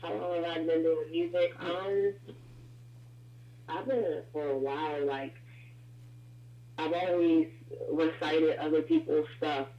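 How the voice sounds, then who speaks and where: A woman's voice: deep voice, steady tone, unhurried, pauses often. Lady rapper calling in, phone line echo, dull muffled sound, chatty with lots of um and like. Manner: loose and chatty, many fillers. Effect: phone line with echo and feedback. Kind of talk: casual call-in interview.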